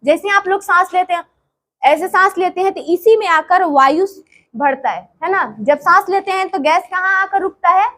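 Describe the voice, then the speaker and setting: High-voiced woman teacher, repetitive classroom quizzing. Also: moderate pace, fairly bright tone. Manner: repeats terms and quizzes the class. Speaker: drawing teacher. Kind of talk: classroom drawing lesson.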